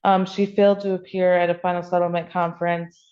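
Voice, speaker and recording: A woman's voice: on the low side, flat delivery, brisk. A woman working as public defender, arguing a bond request in court and hesitating with frequent ums, heard in a courtroom recording. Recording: dull, lo-fi courtroom audio.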